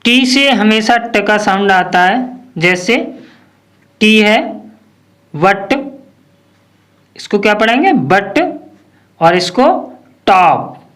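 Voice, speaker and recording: A teacher giving a phonics lesson, slowly asking questions and repeating each word for the class. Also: medium pitch, lively intonation, a bit bright.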